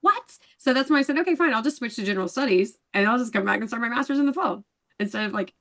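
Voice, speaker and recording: Fast-talking woman telling a lively story. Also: a little high. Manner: animated storyteller acting out dialogue. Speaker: guest. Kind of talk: casual interview chat.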